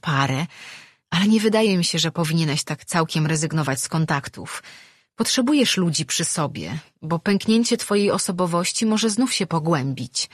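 A woman's voice: lowish voice, animated, normal speed, husky, dry recording. A woman voicing a wry, self-assured ancient sorceress who teases with dry humor. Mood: teasing advice. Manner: teasing, dry.

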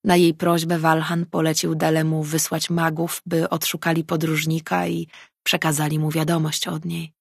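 A woman reading a novel aloud as an audiobook narrator, in calm, even storytelling. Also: deep voice, moderate pace, gravelly, slightly rough, no room sound, clean studio sound. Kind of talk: scripted narration.

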